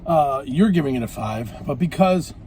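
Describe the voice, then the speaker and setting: Lively-voiced man reviewing food. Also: fairly high pitch, moderate pace, a little hiss or hum. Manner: chatty, talks with mouth full. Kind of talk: casual food review chat.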